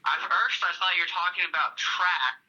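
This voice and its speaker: A young man, the target of a prank call, talks casually over the phone, polite and a little hesitant. His voice is high and sharp at a moderate pace, heard through a phone line.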